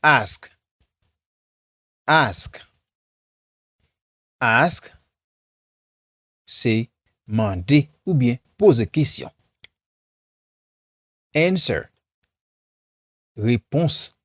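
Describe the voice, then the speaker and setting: A man's voice: medium pitch, expressive, very slow, pauses often, fairly bright tone, no room sound, studio quality. A man with a Haitian accent teaching English vocabulary, saying each word several times and then translating it. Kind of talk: slow vocabulary drill with repetition.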